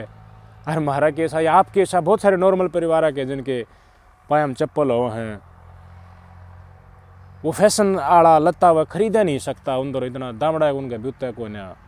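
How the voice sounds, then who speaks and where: A middle-aged man with a Haryanvi accent gives preachy, emphatic social commentary as a channel host, swinging between loud outbursts and muttered asides. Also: on the high side.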